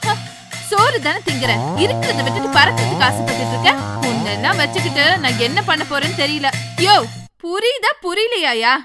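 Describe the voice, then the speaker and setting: A woman plays an exasperated wife who nags her husband in a high voice that swoops up and down. She scolds with endless complaints, and music plays loudly behind her. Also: huge pitch swings, fairly quick. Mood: scolding. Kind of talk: short film acting.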